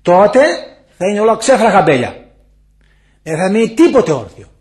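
Older man, elder monk, high voice, very animated pitch, emphatic warnings, hushed asides. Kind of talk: spiritual talk to visitors. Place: monastery guest room.

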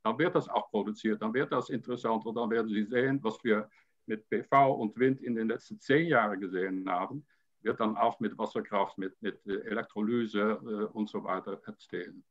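Speaking a little low and in a steady tone, the older panelist hesitates constantly, filling gaps and repeating himself. The discussion runs over video call from his home room with a painting, and the webcam sound is dull and lo-fi.

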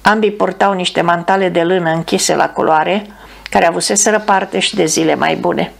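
Low, gravelly woman narrating an audiobook. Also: fairly even intonation.

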